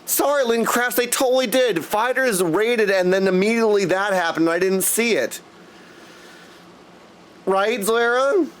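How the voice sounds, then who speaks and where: This high-voiced man takes his time as he livestreams, tossing out exuberant, slang-heavy commentary and casual chat for viewers. Game music plays in the background, and there's a little hiss or hum on the audio.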